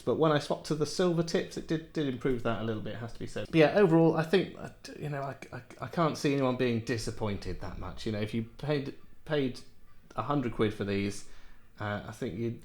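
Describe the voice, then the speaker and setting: Chatty man from Wales reviewing earphones. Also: medium pitch. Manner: rambling, chatty, self-interrupting with laughs. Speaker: headphone reviewer. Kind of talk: casual product review. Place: home office with window and plants.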